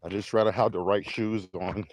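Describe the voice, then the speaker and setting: A man casually chatting in a relaxed, rambling way while walking and jogging down an outdoor hillside trail, filmed on a shaky handheld phone video. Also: on the low side, brisk, poor audio. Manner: relaxed, rambling, self-amused. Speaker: vlogger. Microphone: handheld camera while walking and jogging. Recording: outdoor phone clip with noise.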